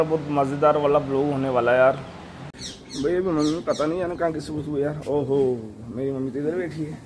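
A young man, a family vlogger chatting casually at home and often calling his viewers brother. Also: a little high. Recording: noisy home phone recording.

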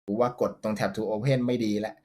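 A young man hosting a mobile football game stream and opening player packs, given to loud outbursts and swearing at each reveal. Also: fairly low pitch, steady tone, normal speed. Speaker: gaming streamer host. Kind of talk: excited pack-opening commentary.

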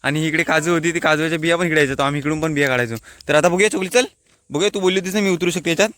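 A man from Konkan, India, vlogs outdoors on a hilltop beside a water tank, chatting into his phone about local words in Marathi shaded by Konkani. His higher voice goes very fast with a touch of brightness, and the sound is clean like a studio, with no echo.

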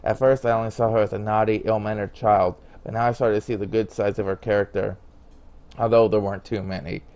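Low-voiced man reading a game aloud. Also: flat delivery, brisk, darkish tone. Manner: stumbles, restarts, mutters asides. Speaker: game narrator. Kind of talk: reading a visual novel aloud.

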